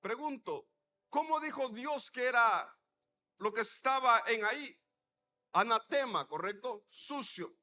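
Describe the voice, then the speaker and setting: A man with a very high, bright voice preaches to his congregation. He tells stories and acts out the dialogue as he goes, stopping often to ask his listeners questions. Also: a little slow. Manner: animated storytelling preacher acting out dialogue. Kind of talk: sermon.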